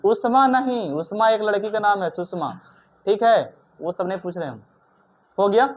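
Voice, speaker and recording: A stern male teacher in a classroom drills his students with repeated questions and sharp scolding. His voice sits high for a man. The sound is thin and tinny, like a phone line. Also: animated, normal speed. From India. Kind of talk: classroom grammar lesson.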